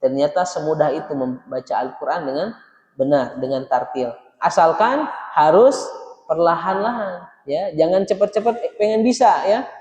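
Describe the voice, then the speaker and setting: A man teaching Quran recitation in a mosque, chanting verses slowly and explaining pronunciation. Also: a little high, expressive, darkish tone, roomy sound, big-room sound, muffled recording.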